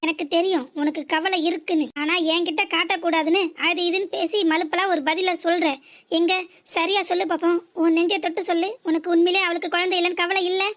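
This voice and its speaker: A woman voicing a defiant, sharp-tongued young married daughter in a cartoon comedy, with a southern Tamil Nadu accent and a mocking, sarcastic delivery. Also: extremely high pitch, flat delivery, fast talker.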